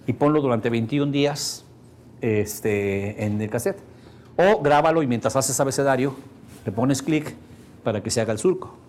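A man's voice: a little high, slight background noise. A man with a Mexican accent giving a motivational course, telling stories and often asking the audience whether they follow him. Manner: animated, storytelling, asks the audience questions. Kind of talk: motivational seminar talk.

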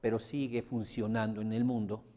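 A man's voice: fairly low pitch, normal speed. A man giving a motivational seminar to an audience, telling stories and acting out the voices of the people in them. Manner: animated storyteller who acts out quoted voices. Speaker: seminar speaker. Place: large room before an audience. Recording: reverberant hall.

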